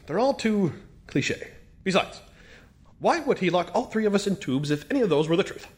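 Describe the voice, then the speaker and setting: A pompous, eccentric detective, voiced by a man, talks in formal, deadpan phrasing while dryly needling his partner in this audio drama. His voice sits high and swings lively up and down. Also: a little fast.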